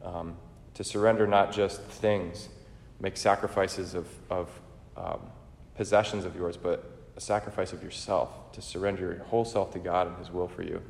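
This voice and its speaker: A man's voice: low voice, level tone, normal speed, creaky, few pauses. A man acting as priest, solemnly intoning liturgical prayers in a large church with long cathedral-like reverb. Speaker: priest celebrating Mass. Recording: roomy church hall echo, faint noise.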